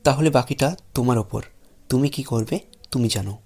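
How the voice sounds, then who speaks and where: An actor playing a stern, protective wealthy father in a Bengali audio drama, giving a measured, pointed warning. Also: mid-range voice, darkish tone, husky.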